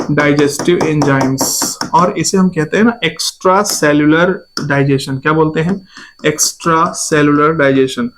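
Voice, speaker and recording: Hindi-speaking man teaching, higher pitch. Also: rough recording. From India. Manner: repeats key terms as questions, calls students "babu"; irritated by shouting outside. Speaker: biology teacher. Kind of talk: exam-prep lecture.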